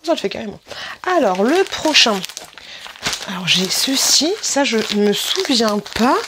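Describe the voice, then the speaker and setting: A woman, chatting casually in a try-on vlog, often correcting herself and filling pauses. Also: a little high, big pitch swings, background noise. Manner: chatty, self-correcting, many fillers. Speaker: vlogger reviewing swimsuits.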